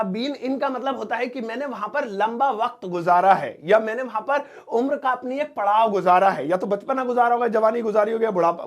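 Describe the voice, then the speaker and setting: Man, high voice, English teacher, chatty, joking, casual classroom lesson. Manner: chatty and joking, with playful asides.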